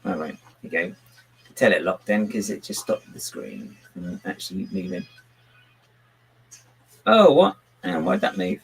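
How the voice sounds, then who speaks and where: Rambling man, gravelly and lively. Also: deep voice, moderate pace, pauses often, a little hiss or hum, poor audio. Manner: rambling, self-mocking, chuckles a lot. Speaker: livestream host building with bricks. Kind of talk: casual livestream chat.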